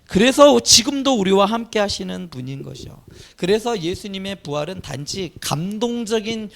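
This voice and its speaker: During an Easter sermon, a male pastor preaches in a high, gravelly voice. His pitch swings dramatically and climbs to emphatic peaks, and his delivery is animated and heartfelt.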